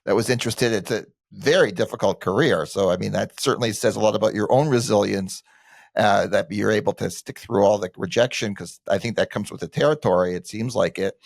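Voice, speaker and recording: Gravelly-voiced man hosting an interview. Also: lowish voice, a little fast, no room sound. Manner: conversational, some hesitant restarts. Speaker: podcast host. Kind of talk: casual interview questions.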